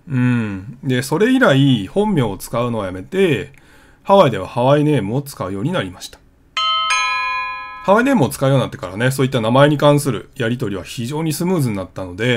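A man hosting his travel vlog, explaining things in a casual, conversational way with plenty of fillers. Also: medium pitch. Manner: chatty, conversational with frequent fillers.

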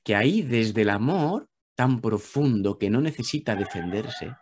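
A man with a Spain Spanish accent, a guest talking calmly about spiritual ideas, repeating phrases and asking rhetorical questions. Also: medium pitch, measured pace, a little hiss or hum. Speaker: guest speaker. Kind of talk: reflective spiritual talk.

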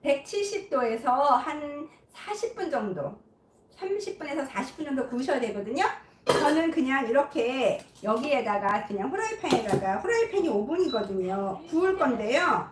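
A woman's voice: sits high, big pitch swings, moderate pace, background noise. A woman hosting a home cooking demonstration in a kitchen, chatty and often checking that viewers can see. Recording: echoey room, distant mic.

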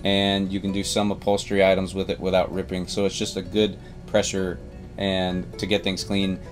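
A man's voice: deep voice, completely flat delivery, moderate pace, soft background music. A man in his forties, a boat captain hosting, giving a casual, rambling rundown of gear from inside a boat cabin, self-amused and easygoing. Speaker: boat captain and channel host.

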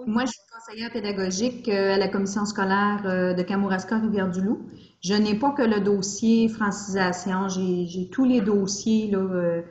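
A woman's voice: mid-range voice, a little mellow, echoey room, lo-fi sound. A woman, an educational consultant, introducing herself hesitantly on a video call. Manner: hesitant, many fillers. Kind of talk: self-introduction in a meeting.

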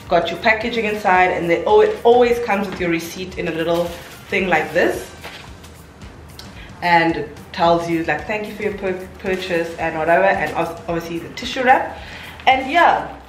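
A woman's voice: lowish voice, a bit bright, far from the mic. A woman, chatting casually and giggling through a try-on haul at home, talking in a loose, rambling way full of fillers. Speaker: fashion vlogger. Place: room at home with a mirror, moving around. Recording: roomy, off-mic, faint music behind.

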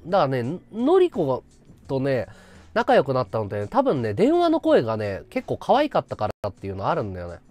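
Animated Japanese streamer, very lively pitch. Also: male voice, a little fast. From Chiba, Japan. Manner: rambling, animated, laughing at his own stories. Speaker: live streamer. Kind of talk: casual chat with viewers.

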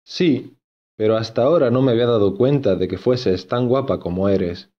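A man playing an earnest, lovesick young gentleman in a storybook, insistent and given to repeating himself. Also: mid-range voice, moderate pace, lo-fi sound, natural voice.

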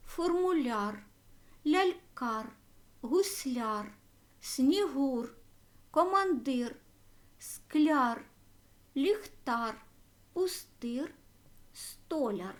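Slow high-voiced woman teacher. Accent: Ukrainian. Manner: slow, careful dictation of word forms. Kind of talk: school grammar lesson.

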